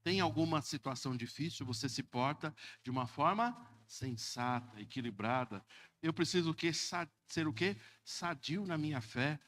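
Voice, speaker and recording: A man's voice: a little high, moderate pace. A man in his fifties with a Brazilian Portuguese accent, preaching a sermon as pastor, calling out "Amém?" and mimicking people in funny voices. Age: 50s. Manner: lively preaching, mocking voices, repeated "Amém?".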